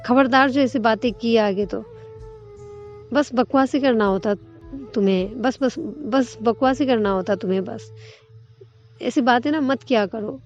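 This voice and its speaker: A woman doing a clingy young woman in love, wheedling, teasing, highish voice, mellow tone, lo-fi sound with faint music. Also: a little slow, pauses often, close to an everyday voice. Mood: upset. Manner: pleading and playful, wheedling.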